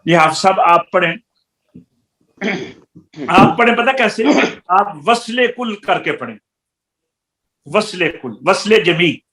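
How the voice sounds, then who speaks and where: A man's voice: high voice, lively intonation, slow pace, pauses often, pushed and bright. A man teaching the rules of Quran recitation, patiently explaining them step by step and demonstrating chanted recitation. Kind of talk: religious recitation lesson.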